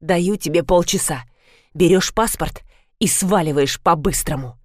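A woman voicing a cruel, sneering husband who speaks in a low, slow, menacing way. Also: no echo, clean studio sound.

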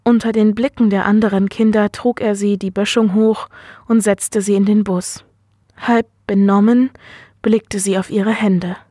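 A woman reading a science-fiction short story aloud in a steady, clear manner. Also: medium pitch, a little slow, dry recording, clean studio sound. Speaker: reader.

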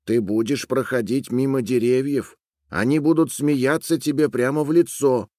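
A man's voice: mid-range voice, steady tone, moderate pace, a little mellow, dry recording, studio quality, pitched above the performer's own voice, natural voice. A man voicing an old woman who earnestly warns a girl about the road ahead. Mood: warning. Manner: earnest, warning. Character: old woman sitting by a stone, giving warnings.

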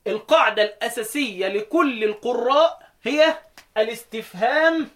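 A man with an Egyptian accent teaching a Quran recitation lesson, quizzing his students and chanting verse lines slowly before explaining them. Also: very high voice, fairly bright tone.

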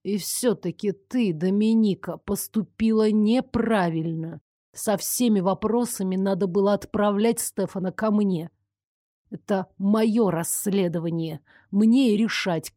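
A woman's voice: mid-range voice, unhurried, mellow, no room sound, studio quality, lightly acted. A woman reading the part of a brash, teasing young investigator who grumbles when crossed, in an audiobook. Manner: drawling, sulky grumbling.

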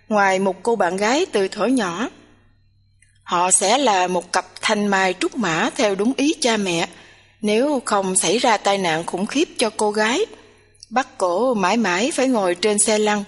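A woman's voice: medium pitch, unhurried, lightly acted. A woman voicing a tired, reluctant young woman who answers curtly in a storybook reading. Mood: weary. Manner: tired, curt, sighing. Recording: long hall reverb.

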